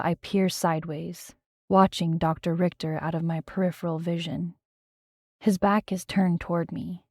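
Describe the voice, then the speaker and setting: Woman reading a tense first-person audiobook, kinda low voice, super dry close mic. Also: a little mellow, no echo. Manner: tense, dramatic storytelling. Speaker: audiobook narrator.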